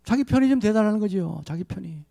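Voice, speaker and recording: A man's voice: sits high, lively intonation, fast, gravelly, warm tone. A male pastor preaching a sermon, telling a story and acting out the quoted lines. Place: church sanctuary.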